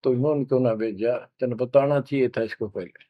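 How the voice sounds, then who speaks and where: A man's voice: mid-range voice, fairly quick, no echo, lo-fi sound, lightly acted. A man with a Haryanvi accent voicing a distraught village woman scolding her brother through tears. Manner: tearful scolding.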